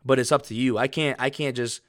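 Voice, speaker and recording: A man's voice: medium pitch, fairly even intonation, a little fast, a bit bright, dry recording, clean studio sound. A young man giving a blunt, profane motivational pep talk, pushy and repetitive. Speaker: motivational speaker.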